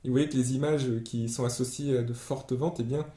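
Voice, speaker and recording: A man giving a screen-share tutorial as an online sales trainer, explaining step by step and pausing often on fillers. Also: medium pitch, steady tone, dark tone. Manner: explanatory, hesitant with many fillers. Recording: roomy echo.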